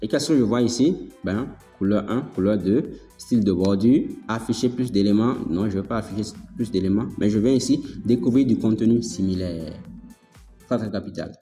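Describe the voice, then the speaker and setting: Low-ish guy explaining stuff casually, keeps checking in with his viewers, echoey room. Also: brisk, dark tone. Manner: repeats himself, checks in with "d'accord?"; chatty, filler-heavy explaining. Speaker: tutorial host. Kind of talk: casual software walkthrough. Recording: echoey room, long reverb, faint music.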